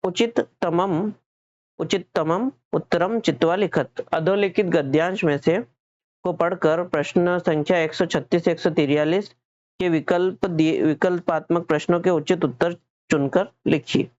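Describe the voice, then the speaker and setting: A man's voice: fairly high pitch, fairly even intonation, unhurried, darkish tone, lo-fi sound. Man teaching an exam-prep lesson. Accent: Hindi. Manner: explains step by step, repeating and self-correcting; asks questions then answers them.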